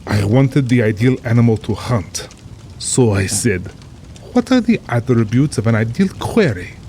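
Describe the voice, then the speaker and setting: A man lightly acts a middle-aged aristocratic general for a radio-style drama, over rain and ambience, sounding urbane, cold-blooded, pompous and amused, proud, with formal diction. His medium-pitched male voice is a little mellow with big pitch swings at normal speed. A slight hiss or hum is present.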